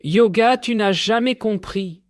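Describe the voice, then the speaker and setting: A man voicing a former male teacher, anguished and determined, who shouts in despair in a story. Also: high-pitched, big pitch swings, takes it slowly, creaky, dry recording, studio quality, voice pushed up, full character voice. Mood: defiant. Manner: pleading, shouting.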